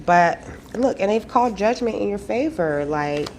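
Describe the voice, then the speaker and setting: A woman's voice: medium pitch, lively intonation, moderate pace, darkish tone, slight background noise. A woman giving a casual spiritual card reading, talking loosely, swearing freely and tagging on "okay" again and again.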